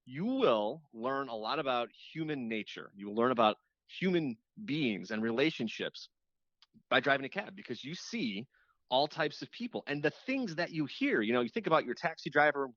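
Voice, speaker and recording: A radio host appearing as a podcast guest talks in a casual, reflective, chatty way, circling back and repeating words for emphasis. His medium-pitched voice is expressive, a bit bright and moderately paced, with no room sound, though the lo-fi audio is slightly dull.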